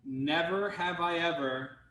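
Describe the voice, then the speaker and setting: A man's voice: on the high side, a little slow, pushed and bright, echoey room, rough recording. A man hosting a casual group video chat, telling stories in a joking manner. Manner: joking, storytelling. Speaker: host.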